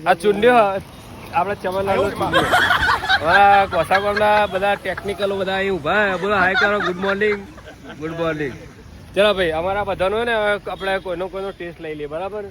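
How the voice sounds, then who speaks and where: A man's voice: sits high, fairly even intonation, a little fast, noisy background. A man with a Gujarati accent vlogging outdoors with friends, teasing them and coaxing them through tongue twisters in casual chat. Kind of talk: casual group vlog.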